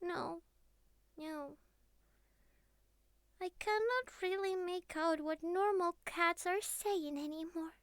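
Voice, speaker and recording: A naive young catgirl speaks slowly and hesitantly in a tiny, extremely high, fairly bright voice, sounding hurt and confused. Her childlike, pleading earnestness comes with slightly formal phrasing and an exaggerated delivery. This clingy, intimate ASMR roleplay is recorded very close and dry.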